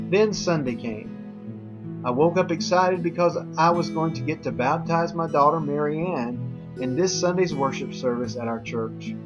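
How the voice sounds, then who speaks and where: A man's voice: fairly high pitch, dull audio. A man presenting a scripted infomercial as a wellness coach, speaking directly to viewers in an earnest, folksy way with a personal testimonial tone.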